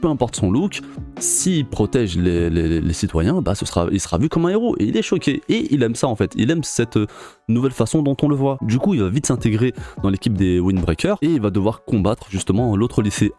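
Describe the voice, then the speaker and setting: A man's voice: medium pitch, dark tone. A man giving a casual, slangy manga review straight to the viewer. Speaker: manga reviewer, video host.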